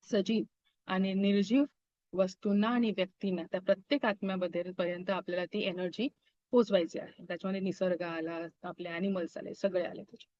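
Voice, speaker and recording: A woman's voice: mid-range voice, darkish tone, no room sound. Reiki teacher lady on a video call, keeps asking the class questions, muffled dry audio. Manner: asks the class quick check-in questions; mixes English phrases into her talk. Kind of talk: online class lecture.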